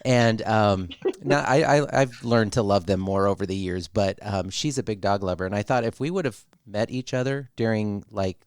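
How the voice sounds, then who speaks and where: A man co-hosting a podcast in a relaxed way, with easy fillers and side remarks. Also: fairly low pitch, normal speed, few pauses, clean tone, dry recording, clean studio sound. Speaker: podcast co-host. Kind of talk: casual podcast chat.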